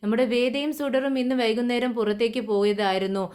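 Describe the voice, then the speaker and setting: Female recap narrator; conversational, slightly high-pitched. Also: fairly even intonation, moderate pace, darkish tone. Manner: conversational, with frequent restarts and fillers. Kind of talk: voice-over retelling a TV serial.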